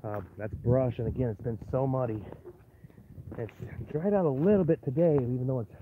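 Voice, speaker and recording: A man's voice: mid-range voice, normal speed. Male homesteader, chatty walkaround vlogger, filler-heavy delivery; outdoor phone recording, thin and tinny with faint hiss. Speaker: homesteader giving a property tour. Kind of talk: casual walkaround narration. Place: outdoors on a rural homestead yard. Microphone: phone camera held while walking. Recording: tinny phone-line sound with faint noise.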